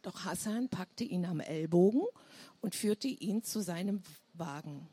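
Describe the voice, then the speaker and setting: Author reading her novel. Woman, husky and gravelly, unhurried, dry close recording. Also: on the low side, mellow, no room sound.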